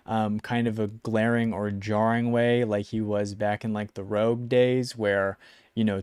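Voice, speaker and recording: A young man casually ranking esports players in a relaxed, rambling way, with lots of ums and likes. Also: lowish voice, clean tone, no room sound, clean studio sound. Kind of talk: casual talking-head video.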